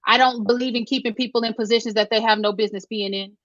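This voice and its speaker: A woman's voice: fairly high pitch, steady tone, quick pace, a bit bright, no room sound, highs cut off. A woman moderating a panel discussion, speaking firmly and outspokenly. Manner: firm, outspoken.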